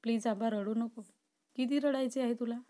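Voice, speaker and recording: A woman's voice: fairly high pitch, fairly even intonation, moderate pace, dark tone, lightly acted. A woman voicing an obsessive, possessive young man who swings between pleading and threatening in a storybook reading. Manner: pleading then threatening, intense.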